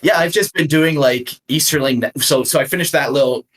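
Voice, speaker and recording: A man's voice: a little high, brisk, fairly bright tone. A man talking casually as a podcast guest, enthusiastic and rambling. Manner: enthusiastic, rambling hobby talk. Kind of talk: casual chat.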